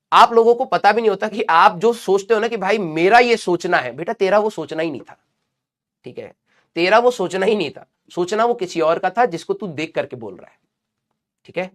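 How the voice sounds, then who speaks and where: A male teacher who is unwell and talks slowly, lecturing and scolding his students in a live class with a Hindi accent. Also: high voice. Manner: scolding and advising students, addresses them as beta.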